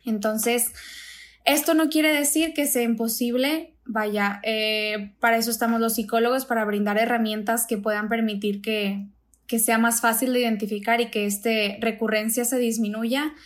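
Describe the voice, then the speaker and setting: A woman, a clinical psychologist calmly explaining in an interview with everyday examples. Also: fairly high pitch, moderate pace.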